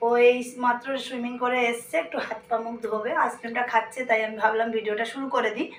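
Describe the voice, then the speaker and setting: A woman's voice: a little high, fairly even intonation, quick pace, slight background noise. A young woman with a Bengali accent, talking chattily to her viewers as friends in a casual home vlog. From India. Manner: speaks softly at times so her sleeping daughter is not woken. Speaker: vlogger. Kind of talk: casual daily vlog narration. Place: at home, indoors.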